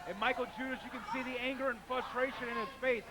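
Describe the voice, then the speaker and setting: A man giving excited, emphatic color commentary at a wrestling show, explaining the action. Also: very high voice, fast. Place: wrestling arena at ringside. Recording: loud crowd and music, noisy arena broadcast.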